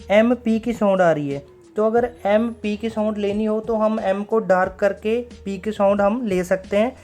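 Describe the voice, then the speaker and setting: A man teaching a recorded stenography class, explaining step by step, repeating key words and slowing down when he reads out rules. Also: high voice, darkish tone.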